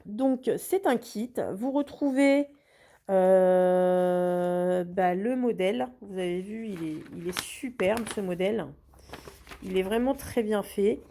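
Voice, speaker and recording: A woman's voice: medium pitch, takes it slowly, dark tone. A woman hosting a craft channel, chatting casually through an unboxing with lots of hesitations and restarts.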